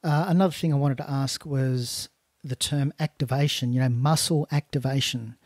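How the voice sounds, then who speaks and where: A man's voice: mid-range voice, fairly even intonation, moderate pace, a little mellow, dry recording, clean studio sound. A man hosting a casual interview, asking questions tentatively and rephrasing them as he goes. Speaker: podcast host.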